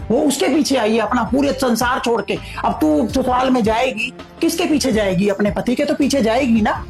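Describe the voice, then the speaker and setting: A woman's voice: fairly high pitch, darkish tone, natural voice. A woman playing a stern scolding mother. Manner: scolding, lecturing, emphatic repetition. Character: stern middle-aged mother scolding her daughter. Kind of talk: family drama acting.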